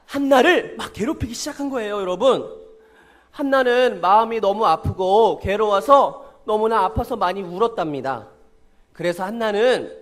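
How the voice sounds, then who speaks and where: Animated high-voiced man telling a children's sermon. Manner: animated, asks the children questions. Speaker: children's pastor.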